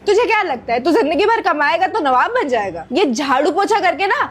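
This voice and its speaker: A woman's voice: extremely high pitch, sing-song, a little fast. A woman playing an arrogant young woman who insults and scolds a poor servant with contempt. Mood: scornful. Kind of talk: scripted skit acting.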